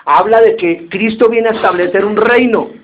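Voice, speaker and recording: A man preaching a sermon, telling anecdotes in an animated way and acting out the quotes. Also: sits high, moderate pace. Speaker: pastor. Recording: tinny phone-like audio with faint hiss.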